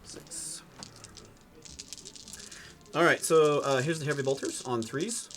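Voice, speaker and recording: A man in his forties talks through his moves in a tabletop wargame, his voice sitting fairly high. He chats casually with the other players and breaks into loud, excited outbursts. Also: slow pace. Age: 40s. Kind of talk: casual banter over a tabletop game.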